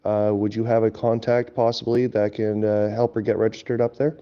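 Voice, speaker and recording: A man's voice: on the low side, little pitch movement, moderate pace, highs cut off. A man dispatching on a convoy trucker CB-style radio channel, using radio lingo with frequent uh fillers. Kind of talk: live radio channel chatter.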